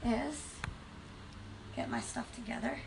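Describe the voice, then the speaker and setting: A woman's voice: a little high, huge pitch swings, slow pace. A woman hosting a casual live furniture-finishing tutorial, chatty and upbeat, talking straight to her viewers. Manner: chatty and upbeat, talks to viewers as "you guys". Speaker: host demonstrating furniture finishing. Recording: noisy live-stream recording.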